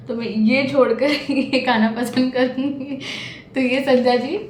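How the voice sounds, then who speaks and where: A woman's voice: high voice, fairly even intonation, unhurried, a little mellow. A young woman vlogging casually, telling stories in a chatty, giggly way while out on the streets and at her office. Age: young adult. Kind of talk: casual vlog chat. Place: outdoors on city streets and in an office. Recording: noisy street with traffic. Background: traffic and street noise.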